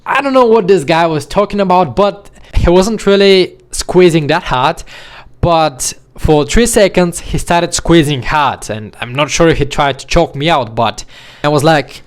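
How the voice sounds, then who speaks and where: Young man telling a story, slightly high voice. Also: a little slow. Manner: animated, acts out the scene with quoted voices. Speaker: vlogger. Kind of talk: casual storytelling to camera.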